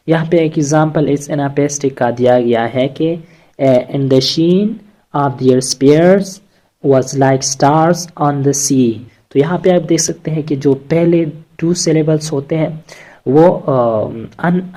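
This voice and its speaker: Slow, mellow-voiced teacher, hesitant delivery. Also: medium pitch. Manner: hesitant, with frequent filler sounds and restarts; asks rhetorical questions, then answers them. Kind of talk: explanatory lecture on poetic metre.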